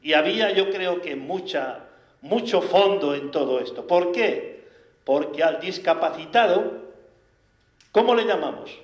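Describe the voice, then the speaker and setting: A man with a Spanish accent preaching a sermon, animated and full of rhetorical questions. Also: high-pitched, measured pace. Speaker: priest. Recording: echoey room.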